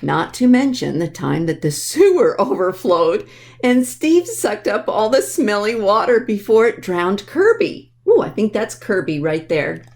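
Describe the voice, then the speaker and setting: In a sing-song, darkish mid-range voice, a little slow, a woman leads a library storytime by reading a picture book to children. She addresses them directly and explains things simply.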